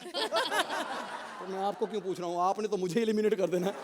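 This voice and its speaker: A man's voice: high-pitched, very animated, moderate pace, heavy background noise. A man performing a stage comedy sketch, teasing his partner with cheeky banter. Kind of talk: stage comedy sketch before a live audience.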